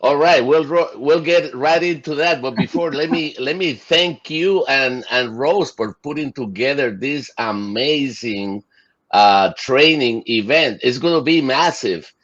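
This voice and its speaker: A middle-aged man from Chile and Puerto Rico is an enthusiastic guest in a casual interview, speaking with lots of fillers and restarts. His mid-range voice has a fairly bright tone and a measured pace, captured in dull lo-fi audio.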